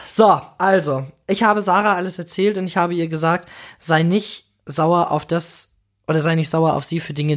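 A man hosting a casual podcast monologue, outspoken and emotional, swearing freely and now and then dropping in English exclamations. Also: fairly high pitch. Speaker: podcast host.

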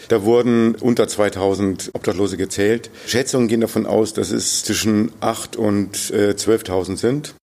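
A man with a gravelly, fairly low voice answers as an interviewee. He explains things in a slightly halting way, searching for his words. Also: darkish tone. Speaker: interviewee, homeless aid volunteer.

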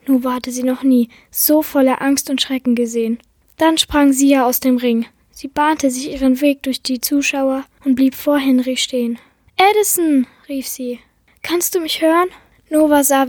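A woman hosting a book podcast, reading a children's novel aloud in an expressive storytelling way. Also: high voice, dry recording, clean studio sound. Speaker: book podcast host and reader.

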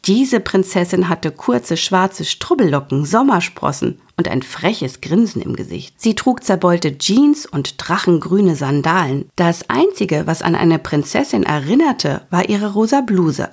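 A woman narrating a children's audiobook in a lively, expressive way. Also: on the low side, measured pace, hardly any pauses, breathy edge.

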